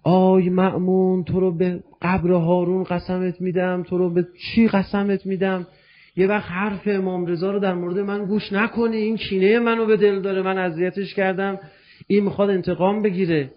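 A preacher acting out a frantic, guilty commander who shouts urgent pleas. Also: male voice, high-pitched, level tone, close to an everyday voice. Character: frantic guilty commander begging for his life. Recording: dull lo-fi recording.

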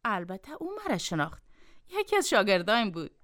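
A woman's voice: mid-range voice, big pitch swings, fairly bright tone. An actress in her forties with an Afghan Dari accent, playing a busy doctor and mother in a radio drama. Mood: tired, confiding. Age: 40s. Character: busy woman doctor near fifty, caring, flustered. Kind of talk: radio drama acting and narration.

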